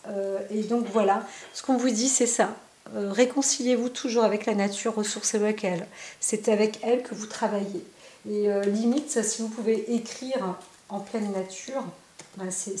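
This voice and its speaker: A woman's voice: medium pitch, a little mellow, slight background noise. Roomy-sounding woman giving a card reading. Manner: talks directly to the viewer, many fillers and tag questions. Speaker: psychic card reader. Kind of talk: spontaneous oracle card reading to camera.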